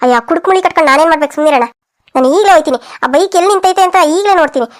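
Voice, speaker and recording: A woman's voice: extremely high pitch, racing. A woman voicing several quarrelsome village women in a cartoon comedy, scolding and wailing dramatically.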